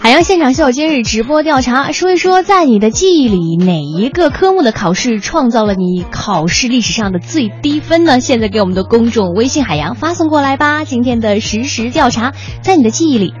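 A woman reading a scripted announcement in an even, promotional tone. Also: on the high side, brisk, few pauses. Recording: dull lo-fi recording over music. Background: music.

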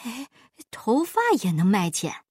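A stingy old landlord stammers and grabs at every coin, put on by a woman reading a storybook. His bluster swings widely in pitch at an unhurried pace. The sound is dry and close. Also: big pitch swings, darkish tone, breathy edge, dry recording. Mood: stammering greed. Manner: stammering, grasping, indignant. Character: stingy greedy rich old landlord man.

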